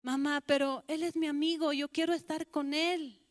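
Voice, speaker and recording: A woman's voice: high-pitched, fairly even intonation, normal speed, dry recording, clean studio sound, pitched above the performer's own voice, natural voice. A woman playing an evasive grown son. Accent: Bolivian Spanish. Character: young adult son, reluctant and evasive.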